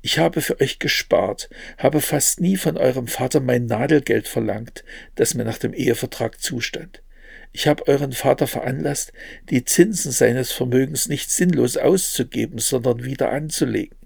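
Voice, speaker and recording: A man voicing a caring, worried mother in a read-aloud memoir, with a gravelly voice. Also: mid-range voice, moderate pace, no room sound, clean studio sound. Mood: earnest.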